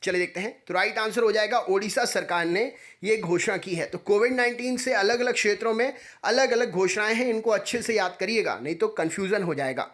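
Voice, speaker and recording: A man teaching exam preparation, reading quiz questions and answers in a brisk, repetitive way. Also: sits high, fairly bright tone.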